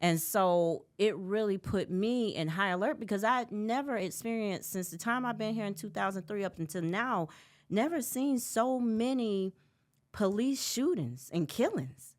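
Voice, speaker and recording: A woman from Birmingham, Alabama, a podcast guest telling stories in a casual, animated way. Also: medium pitch, measured pace. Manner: laughs easily, animated storytelling. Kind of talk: casual conversation.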